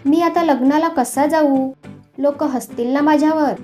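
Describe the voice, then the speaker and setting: A woman voicing an angry, blustering middle-aged male farmer in a storybook tale, shouting loudly and pitching her voice up. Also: fairly even intonation, a little slow, soft background music. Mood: panicked.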